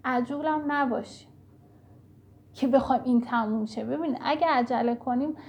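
A woman's voice: sits high, darkish tone. A woman giving an earnest spiritual teaching talk, speaking directly to her listeners in an instructive way.

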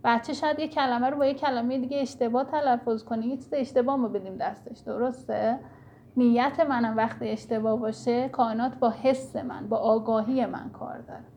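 A woman's voice: on the high side, fairly even intonation, dark tone, a little hiss or hum. A woman giving an earnest spiritual teaching talk, speaking directly to her listeners in an instructive way.

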